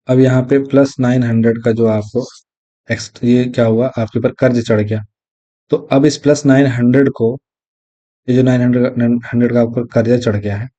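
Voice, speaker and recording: A man teaching an exam lesson, explaining step by step and repeating key terms, reading definitions slowly. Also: medium pitch, mellow. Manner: reads English definitions slowly. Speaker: exam tutor. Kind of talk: recorded lecture. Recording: dull lo-fi audio.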